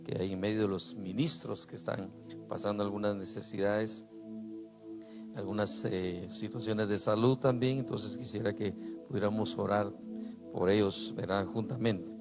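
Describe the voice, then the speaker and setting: A man with a somewhat low voice gives church announcements, earnestly asking the gathering for prayer support. Music plays clearly beneath his words. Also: steady tone, normal speed. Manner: earnest, asks humbly for support. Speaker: church minister giving announcements.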